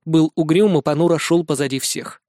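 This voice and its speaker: Guy reading an audiobook, high-ish voice, bouncy delivery, totally dry. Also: steady tone, fairly quick, warm tone, no room sound. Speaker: audiobook narrator. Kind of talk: scripted first-person audiobook narration.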